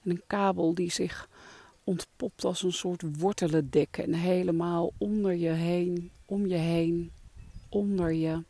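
Slow, breathy, soft-spoken meditation guide. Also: mid-range voice, dry recording. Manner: soft, breathy, calming delivery trailing into whispers.

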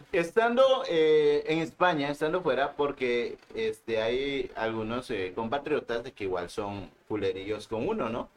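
A man's voice: mid-range voice, takes it slowly, a little hiss or hum. A man hosting a casual chat, joking and teasing his guests.

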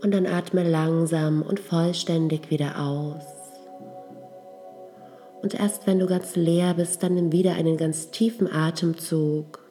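Low, mellow female meditation guide, soft and slow delivery. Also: soft background music. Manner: slow, soft, calm instructions.

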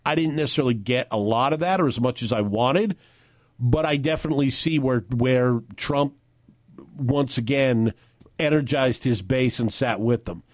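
Steady, explanatory male radio host. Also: medium pitch, moderate pace, dry recording. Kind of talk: talk radio discussion.

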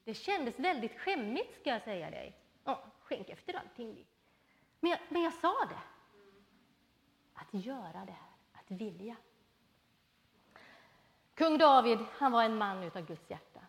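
Middle-aged lady preacher, lively storytelling, kinda high voice, echoey hall. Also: creaky, pauses often. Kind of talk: sermon with personal stories. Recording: reverberant hall.

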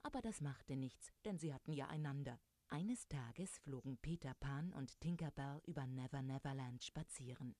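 A woman reading a children's adventure story aloud, lively and speaking directly to young listeners. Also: rumbling low, moderate pace, no echo.

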